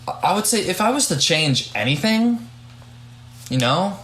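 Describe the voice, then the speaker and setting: A man's voice: high voice, very animated, fairly bright tone, roomy sound. A young man hosting a casual podcast, chatting loosely as a judge with frequent restarts and hedges. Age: young adult. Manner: halting, hedging, many restarts.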